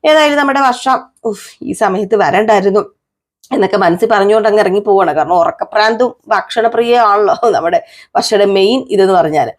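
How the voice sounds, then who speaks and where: A woman's voice: medium pitch, animated, fast. Chatty woman retelling a serial. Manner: chatty, asides to listeners. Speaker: serial recap narrator. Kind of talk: casual storytelling recap.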